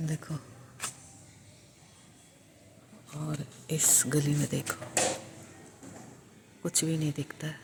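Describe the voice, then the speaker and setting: A middle-aged woman with a low voice talks through a recipe in her home kitchen. Her chat is casual and full of small fillers as she explains each step. It is recorded on a phone, with a faint hiss behind. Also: little pitch movement, slow pace, gravelly. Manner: chatty, explains steps with many fillers. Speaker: home cooking vlogger. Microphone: phone camera.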